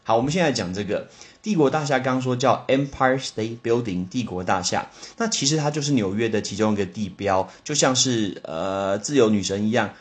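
A man with a Taiwanese Mandarin accent and a mid-range voice runs a casual solo podcast lesson. He chats with lively exclamations and spells English words out one letter at a time.

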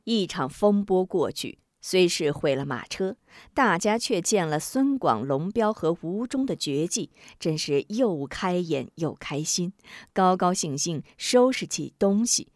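A woman storyteller reading a martial-arts novel aloud in a steady, expressive voice. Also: fairly low pitch, measured pace, no echo, studio quality.

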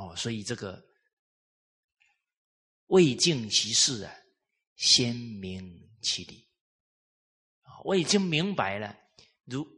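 A man giving a live lecture on traditional culture, telling lively stories and putting rhetorical questions to the audience. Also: mid-range voice, slightly rough.

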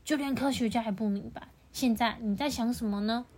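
A calm, wise male house cat from a storybook, speaking in a gentle, soothing way, as a woman reads him aloud. The voice is fairly high and soft. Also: brisk, natural voice. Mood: concerned.

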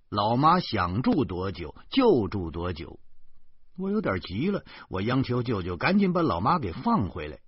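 A man reading a first-person story aloud with a wry, grumbling and expressive delivery. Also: lowish voice, breathy edge, no echo. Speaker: audiobook narrator. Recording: dull, dry.

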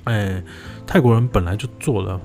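A man giving relaxed, casual commentary, with lots of fillers and restarts. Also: fairly low pitch, moderate pace, vocal fry, faint music behind.

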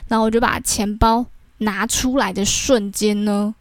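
A woman's voice: medium pitch, fairly even intonation, normal speed, no echo, clean studio sound. A young woman with a Taiwanese Mandarin accent, hosting a podcast and telling a personal story in a chatty way, tagging her sentences with filler words. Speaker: podcast host.

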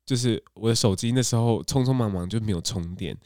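A man hosts a casual podcast. He tells stories in an animated way, laughs often and repeats himself. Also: fairly low pitch, fairly quick, no room sound, studio quality. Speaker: podcast host and street tour guide.

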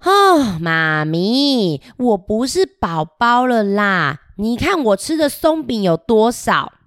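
A boastful, giggly little boy heading off to kindergarten, voiced by a woman reading a picture book aloud. He chats playfully and directly with the children listening. The voice sits at a middle pitch, and the sound is close and dry. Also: expressive, unhurried, dry recording, close to an everyday voice. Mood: cheerful, boastful. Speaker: storybook reader.

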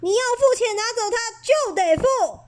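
A woman's voice: high-pitched, expressive, measured pace, a little mellow. A woman voicing an insistent, bossy store cashier in a children's story.

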